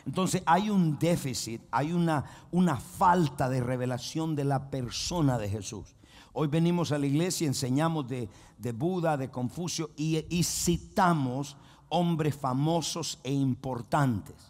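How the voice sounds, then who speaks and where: A pastor with a fairly high, slightly mellow voice preaches a sermon at a measured pace. He is emphatic and repetitive, restarting often and repeatedly urging the congregation to echo phrases and say amen.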